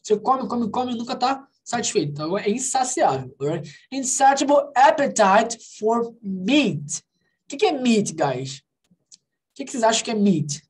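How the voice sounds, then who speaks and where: A man's voice: sits high, sing-song. A man with a Brazilian Portuguese accent teaching an online English conversation class, explaining words patiently and checking in with the students after each point. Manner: explains patiently, repeating English words slowly and asking "tá legal?".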